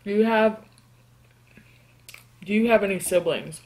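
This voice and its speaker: A woman's voice: mid-range voice, a little slow. Young woman chatting while eating. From New York. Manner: relaxed, chatty, eats between answers with frequent hums. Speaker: mukbang vlogger. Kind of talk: casual eating vlog, answering tag questions.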